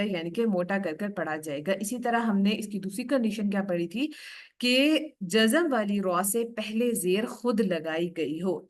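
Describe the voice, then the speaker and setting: A woman teaching Quran recitation in a recorded online lesson. She explains patiently, asks questions and answers them herself, and slows right down to recite each example word carefully. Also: mid-range voice. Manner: slows down sharply to recite Arabic words carefully.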